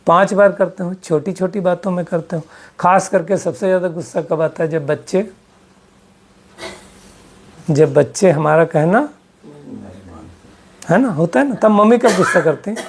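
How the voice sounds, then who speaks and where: A man's voice: a little high, slightly rough. A man giving a spiritual health talk to a live audience, asking them question after question and mixing English terms into his speech. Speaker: spiritual teacher.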